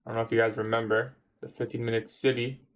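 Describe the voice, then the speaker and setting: This twenty-something trader talks fast in a level, mid-range voice as he answers viewer questions on his livestream. He's casual and slangy throughout, with "bro" coming up again and again.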